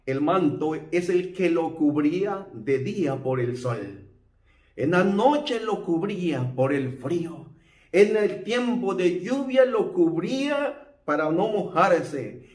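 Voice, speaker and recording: Slow, emphatic male preacher. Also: high voice, animated, a little mellow, reverberant. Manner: emphatic, rhetorical questions to listeners. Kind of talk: sermon.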